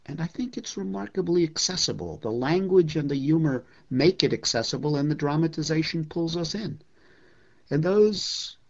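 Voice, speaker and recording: Measured male literature lecturer, lo-fi. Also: a little high. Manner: measured, reflective, with occasional hesitations.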